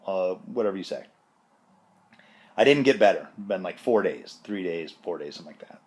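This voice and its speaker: A man's voice: on the low side, a little mellow. A man sick with bronchitis and a chesty cough gives a casual, rambling, self-deprecating personal update. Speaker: vlogger giving a health update.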